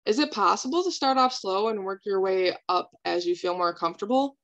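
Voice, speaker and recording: A woman speaking as a calm therapist in a counseling role-play, validating and asking reflective questions. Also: mid-range voice, a little fast, muffled recording.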